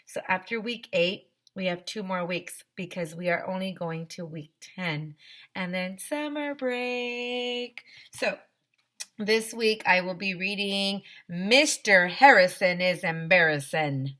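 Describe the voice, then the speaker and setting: Taking her time, a woman with a lowish voice reads a children's story aloud to her class. She performs it expressively, stressing words with animation and turning to address the children directly.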